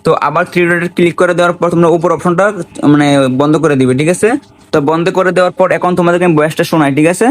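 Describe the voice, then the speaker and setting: Talking very fast in a fairly high, level voice, this gaming tutorial creator walks through an informal guide step by step. His delivery is repetitive, full of repeated check-in tags.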